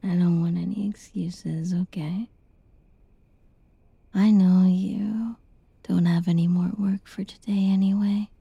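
Woman, ASMR whisper, soothing and tender, unhurried, flat even pitch, dark mellow tone. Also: vocal fry, husky, no room sound, dull audio. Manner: soft, soothing whisper spoken close; slow, tender and reassuring. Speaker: ASMR roleplay performer. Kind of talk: whispered ASMR girlfriend roleplay.

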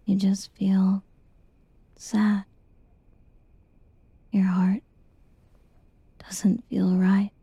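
A woman whispering a tender, reassuring girlfriend roleplay in a soft, soothing ASMR style. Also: medium pitch, monotone, extremely slow, pauses often, slightly rough, no echo.

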